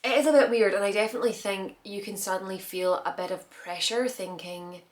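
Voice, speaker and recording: A woman's voice: medium pitch, fairly quick. A woman in her thirties chatting casually about her week while doing her makeup, rambling with restarts and little laughs. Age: 30s. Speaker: beauty vlogger. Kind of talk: casual get-ready-with-me chat.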